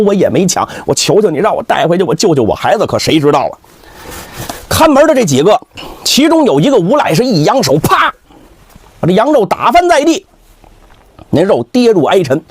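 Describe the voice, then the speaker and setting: A man performing traditional Chinese storytelling in a dramatic, animated way. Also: high-pitched, husky, no echo. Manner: dramatic, animated, with vivid sound words.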